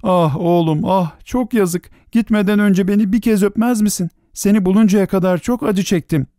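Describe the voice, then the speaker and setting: A man's voice: fairly high pitch, brisk, mellow, no echo, studio quality, natural voice. An actor voicing a grieving beggar woman who pleads and laments as a mother searching for her lost son in a fairy tale. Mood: pleading.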